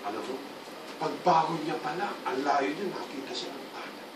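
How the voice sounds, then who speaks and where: A male pastor giving a lively church sermon, often calling out for the congregation's response. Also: a little high, normal speed, heavy background noise. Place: church hall. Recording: roomy hall, distant mic, congregation sounds.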